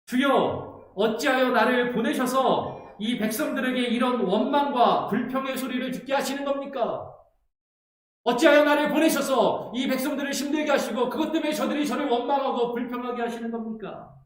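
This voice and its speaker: A man's voice: extremely high pitch, moderate pace, pitched above the performer's own voice. A man voicing a prophet who complains to God in raised, pleading tones. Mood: pleading complaint. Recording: very echoey church sanctuary.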